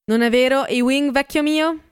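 A woman voicing a wealthy young man who is eager and nervous, speaking in a hurried, insistent way in an audiobook reading. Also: high-pitched, voice pushed up, natural voice.

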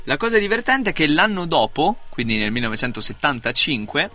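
A man with a bright, forceful voice hosts a comic show. He banters casually in a mock-serious sports style and repeats phrases for effect, with light music underneath. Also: fairly high pitch, very animated, fairly quick. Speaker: comedy radio show host. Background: music under the talk.

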